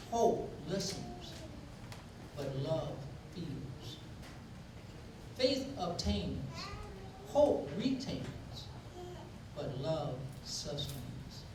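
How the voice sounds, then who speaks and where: An event speaker giving a rhythmic, preacher-like speech to a gathering with slow repetition. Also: mid-range voice. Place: event hall. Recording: echoey room, distant mic, noisy.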